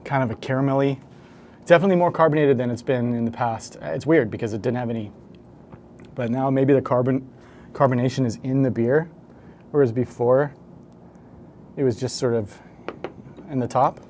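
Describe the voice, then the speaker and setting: A man's voice: mid-range voice, moderate pace, pauses often, darkish tone, a little hiss or hum. A man talking casually to the camera as a home brewer, rambling and correcting himself as he goes. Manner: rambling, self-correcting, hesitant.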